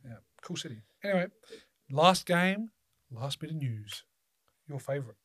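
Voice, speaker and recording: A man's voice: fairly high pitch, expressive, moderate pace, fairly bright tone, dry recording, clean studio sound. An Australian man hosting a casual chat, rambling loosely and swearing freely.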